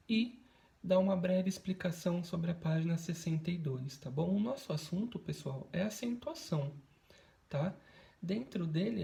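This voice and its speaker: A man's voice: on the high side, gravelly, warm tone. A Brazilian male teacher in a recorded video lesson, speaking patiently and checking in with frequent tag questions. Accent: Brazilian Portuguese.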